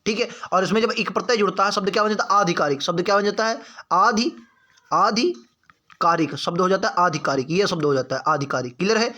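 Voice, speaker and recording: A man with a high, forceful voice leads an online exam-prep lesson. He is chummy with his viewers and calls them friends and brother. He says each answer over and over and keeps asking his students what the right word is. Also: brisk. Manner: repeats answers and quizzes students with rhetorical questions.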